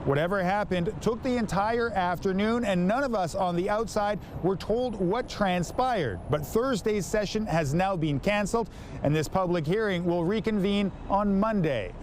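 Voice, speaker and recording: A Canadian man reads a scripted TV news report in a notably high voice. Faint noise sits behind his narration. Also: moderate pace, a little mellow.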